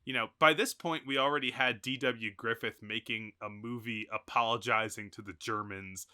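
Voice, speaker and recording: A man's voice: mid-range voice, fairly even intonation, moderate pace, bright, forceful tone. A man co-hosting a podcast, talking casually about a film in rambling sentences with frequent fillers and laughs. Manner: rambling, many restarts and fillers, laughs often. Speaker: podcast co-host.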